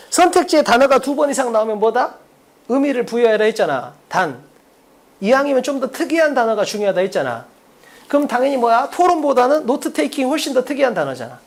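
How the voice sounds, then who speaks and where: An English exam-prep teacher explaining a mock test in a lecture, firing rhetorical questions at students and drilling points with emphasis. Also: mid-range voice. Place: lecture room at a board.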